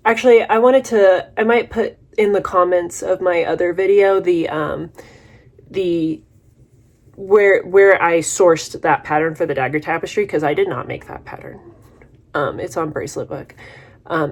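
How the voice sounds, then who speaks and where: A young woman talks through her makeup routine in a relaxed, rambling vlog. Her speech is loose and chatty, full of fillers and asides. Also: lowish voice, normal speed. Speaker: vlogger. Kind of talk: casual vlog chat while doing makeup.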